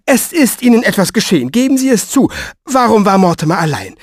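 A man voicing a bossy, stout middle-aged woman who fires off loud, breathless questions in an audiobook. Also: big pitch swings, a little fast, dry recording, studio quality. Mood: indignant. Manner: shrill, breathless, barrages of questions.

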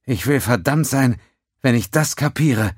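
A man's voice: medium pitch, lively intonation, a little slow, husky, no echo, clean studio sound, pitched above the performer's own voice. A man voicing a blunt, tense female starship officer who speaks in clipped, cursing remarks. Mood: baffled.

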